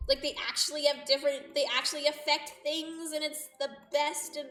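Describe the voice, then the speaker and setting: A game streamer with a high-pitched, slightly bright voice talks fairly quickly in a level tone. She reads a visual novel aloud on a livestream, chatting and hamming up the drama. Expect echoey room sound, a distant mic, and music underneath.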